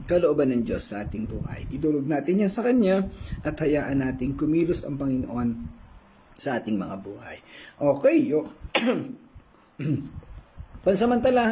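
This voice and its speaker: Polite man, Bible study leader, mellow and slightly high, throat-clearing habit. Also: sing-song, normal speed, pauses often, a little hiss or hum, rough recording. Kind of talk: Bible study teaching and closing prayer.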